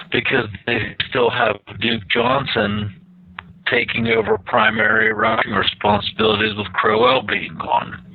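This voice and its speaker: A man's voice: medium pitch, gravelly, dry recording. A man talking through a remote call whose audio breaks up and cuts out, giving casual sports analysis in a rambling way with restarted phrases. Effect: remote call audio breaking up and cutting out. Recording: dull lo-fi internet call line.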